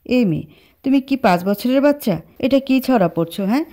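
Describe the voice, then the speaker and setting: A woman doing a barking young man, short-tempered, pitched up and loud. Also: expressive, a little fast, lightly acted. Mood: scolding. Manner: barking, scolding.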